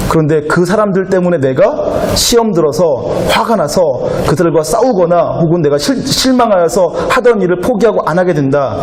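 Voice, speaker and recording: A man's voice: on the high side, darkish tone, slight background noise. Man preaching in an echoey church. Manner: rhetorical questions to the congregation, acting out quoted speech. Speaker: pastor. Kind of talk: sermon to a youth congregation. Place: church sanctuary. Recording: echoey church hall with faint ambience.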